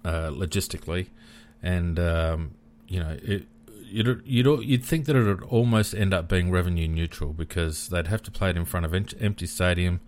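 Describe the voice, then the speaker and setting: Low-pitched, measured Australian man. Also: a little mellow. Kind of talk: casual sports discussion.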